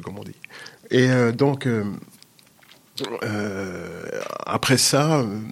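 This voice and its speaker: Fairly low and gravelly, this older man's voice belongs to a musician guest from Sicily, a native Sicilian speaker in his sixties. The interview chat is relaxed, though he hesitates, keeps starting over, and fills pauses frequently.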